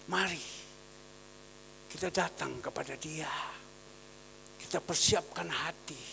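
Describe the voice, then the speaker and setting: A man pastor preaching a sermon, shifting between loud exhortation and quiet storytelling. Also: fairly high pitch, creaky, long reverb tail, slight background noise. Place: church hall.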